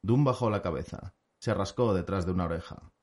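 A man narrating an audiobook with an even, steady storytelling delivery. His voice sits very low. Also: fairly quick.

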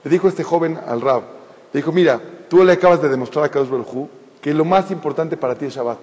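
A man tells a sermon story in a somewhat high voice, animated and talking straight to his listeners. The sound is dull and lo-fi, with a long reverb from the hall. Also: quick pace.

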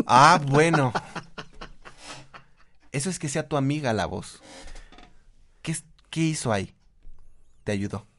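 Animated Mexican man giving advice. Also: mid-range voice, slow, long pauses, a little hiss or hum. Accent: Mexican Spanish. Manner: animated, acts out quoted voices, laughs often. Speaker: guest speaker, therapist. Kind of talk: casual conversational advice.

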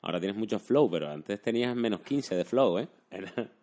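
Low-pitched man chatting colloquially. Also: lively intonation, fairly quick, a little mellow. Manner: colloquial, often ends with tag questions. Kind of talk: casual chat, anecdotes.

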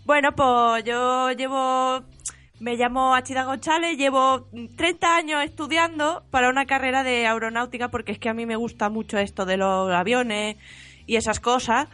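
Brief: female improv player, high and bright, giggly, crude comic storyteller. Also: steady tone, moderate pace, faint music behind.

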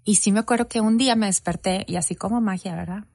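Direction Tell it the way a mother talks about her own life: close and dry, with a woman's voice that is neither high nor low. Play the quoted dialogue out in full. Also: fast, gravelly, no echo. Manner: animated storytelling, acting out quoted dialogue. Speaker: mother telling her story. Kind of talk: conversational interview.

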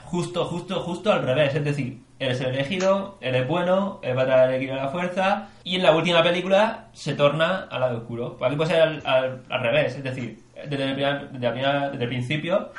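Man, casual podcast co-host, excitable, curses freely, roomy echoey sound. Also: a little high, fairly quick, few pauses. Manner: excitable, swears, weighs ideas aloud. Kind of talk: casual chat.

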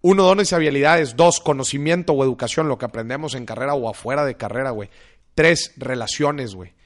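A young man with a Mexican accent talks money in a loose, slang-heavy way. He is emphatic and counts off his points one by one. His pitch sits at an ordinary middle level for a man. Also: fairly quick. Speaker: finance author and guest. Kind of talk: casual podcast chat.

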